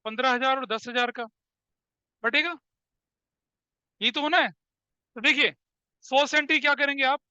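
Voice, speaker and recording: A man's voice: very high-pitched, steady tone, moderate pace, pauses often, pushed and bright, clean tone, no echo, poor audio. A man in his forties teaching an accountancy class. He keeps questioning his students, repeats his points, and calls them "beta". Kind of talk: classroom lecture mixing Hindi and English.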